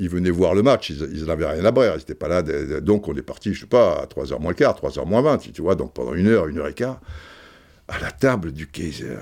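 A man's voice: deep voice, a little mellow. An older man from Africa, a podcast host, telling an anecdote in a rambling way with many fillers and restarts. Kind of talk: storytelling anecdote.

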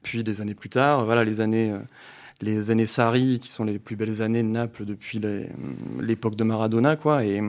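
Hesitant man with a lowish voice. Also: steady tone, a little fast. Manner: hesitant, many restarts and fillers. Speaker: deputy editor-in-chief. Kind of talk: casual discussion.

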